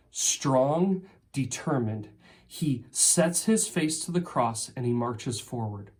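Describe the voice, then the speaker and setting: A man preaching a sermon as pastor, earnest and emphatic, often dropping to a soft, quiet voice and voicing heartfelt prayers. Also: mid-range voice. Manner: acts out heartfelt prayers in first person.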